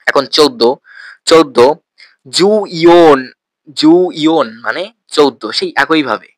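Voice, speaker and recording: A man teaching a language lesson, patient and repeating each word slowly for learners. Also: fairly high pitch, a bit bright, no room sound. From Bangladesh.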